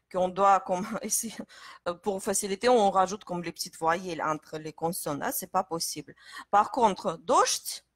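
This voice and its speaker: In a live-stream lesson, a Russian teacher explains French pronunciation step by step, hesitating often, with many fillers and restarts. Her medium-pitched voice is a bit bright, and the recording is dry.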